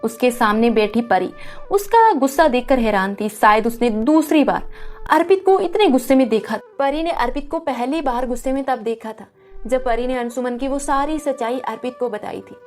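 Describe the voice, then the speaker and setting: High-voiced woman narrating a drama. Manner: emotive storytelling.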